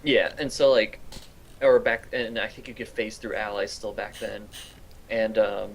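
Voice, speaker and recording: A man's voice: on the low side, little pitch movement, a little slow, creaky, a little hiss or hum. A young man casting an esports match, talking casually with fillers and easy laughs. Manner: chatty, laughs easily, trails off with fillers. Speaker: esports caster. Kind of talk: casual game commentary.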